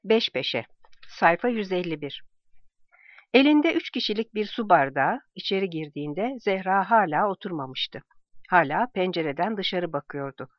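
An audiobook narrator reading a novel chapter in an even, measured way. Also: mid-range voice, no room sound, lo-fi sound. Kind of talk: scripted narration.

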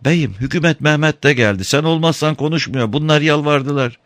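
A man's voice: a little high, fairly quick, fairly bright tone, dry recording, voice pushed up, close to an everyday voice. Man doing a pleading old woman.

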